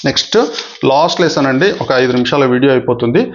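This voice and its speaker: A man's voice: mid-range voice, racing, highs cut off, a little hiss or hum. A man teaching a grammar lesson for exam candidates, who explains patiently, repeats the key points and addresses his viewers politely.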